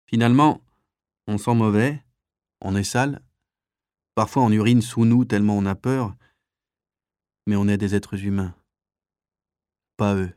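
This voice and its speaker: A man's voice: lowish voice, measured pace, long pauses, a little mellow, clean tone, no room sound, clean studio sound, lightly acted. A man doing a sleepy, weary bunkmate. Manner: thick, sleepy voice. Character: weary male bunkmate half asleep.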